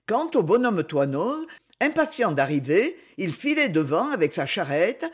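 A man reading a novel aloud as narrator, with expressive storytelling. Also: sits high, measured pace, husky.

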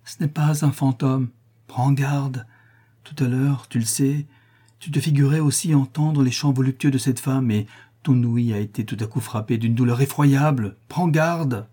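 A man's voice: mid-range voice, moderate pace, warm tone, husky, voice pushed up, natural voice. A man voicing an alarmed companion who warns and insists with urgency. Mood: warning. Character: alarmed male companion urging reason. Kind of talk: audiobook character reading.

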